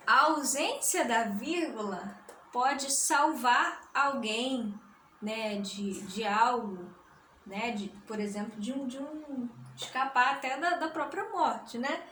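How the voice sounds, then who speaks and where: A Brazilian woman teacher gives a recorded lesson, speaking at an unhurried, deliberate pace and stopping often to check that her students follow. Her voice sits high and sounds clear and bright, and the room gives it a noticeable echo. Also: a little hiss or hum. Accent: Brazilian Portuguese. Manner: patient, explanatory, often checks understanding. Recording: roomy echo.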